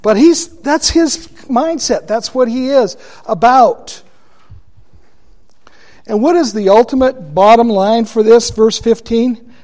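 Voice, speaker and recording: A man teaching a Bible study class, deliberate and asking his listeners questions. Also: very high voice, darkish tone.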